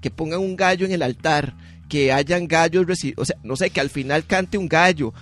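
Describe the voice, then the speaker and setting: A man's voice: on the high side, normal speed. A young man with a Costa Rican accent, co-hosting a podcast and riffing on absurd ideas in a dry, joking way, with plenty of slang. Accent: Costa Rican Spanish. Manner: deadpan absurd riffing, heavy use of slang filler 'mae'. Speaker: podcast co-host. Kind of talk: casual comedic chat.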